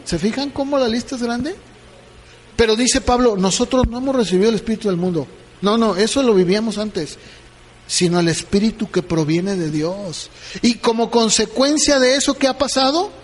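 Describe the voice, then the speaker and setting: A man's voice: high voice, moderate pace, long reverb tail. A man preaching a sermon as pastor, questioning his listeners and acting out conversations. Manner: asks the congregation questions, acts out dialogues.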